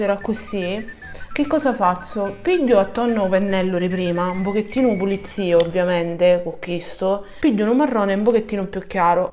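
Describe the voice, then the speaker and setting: Female tutorial host, southern Italian Sicilian dialect, colloquial and repetitive for emphasis, medium pitch, music underneath. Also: a little mellow. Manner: colloquial, repeats words for emphasis. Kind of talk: casual step-by-step makeup tutorial in Sicilian dialect.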